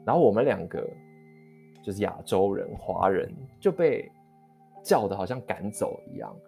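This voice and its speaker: A man, telling a heated anecdote in a storytelling vlog, quick and rambling with many restarts. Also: lowish voice, creaky. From Taiwan. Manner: animated, heated retelling of an anecdote. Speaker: vlogger. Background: faint guitar music.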